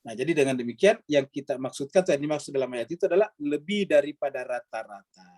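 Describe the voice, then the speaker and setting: A man's voice: medium pitch, animated, fast, darkish tone, dry recording. A man teaching a Quran study session, explaining patiently with repeated examples and rhetorical questions. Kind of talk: religious study lecture with Q&A.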